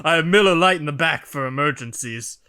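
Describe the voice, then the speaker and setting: A man reading along and improvising as a deadpan, joking father figure. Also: fairly high pitch, fairly quick, smooth, no room sound, studio quality. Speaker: co-reader playing a father.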